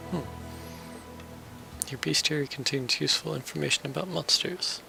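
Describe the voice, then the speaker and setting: A man's voice: a little high, normal speed, vocal fry, low-quality recording. A man giving casual commentary while playing a video game, with dry, wry asides. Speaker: let's play host. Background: game music and sounds.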